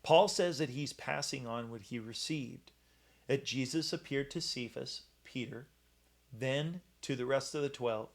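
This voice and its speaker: Halting man giving a Bible talk. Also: medium pitch. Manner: halting, many fillers and restarts. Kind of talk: casual Bible teaching talk.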